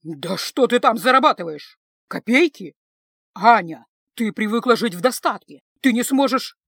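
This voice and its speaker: A woman reading the part of a domineering middle-aged mother who scolds her daughter loudly and reproachfully. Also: fairly high pitch, animated, moderate pace, breathy edge, dry recording, studio quality, exaggerated voice. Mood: lecturing. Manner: loud, lecturing, reproachful.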